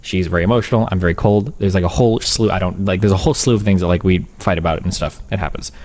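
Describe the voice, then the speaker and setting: A man's voice: low voice, fast talker, darkish tone. A man in his thirties, a streamer talking casually, blunt and matter-of-fact. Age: 30s. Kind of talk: casual chat.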